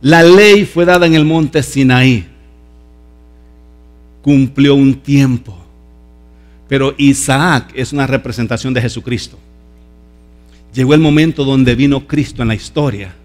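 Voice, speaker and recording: A man preaching a sermon as pastor, emphatic and lively, acting out voices from the story. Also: mid-range voice, a little slow, pauses often, soft background music.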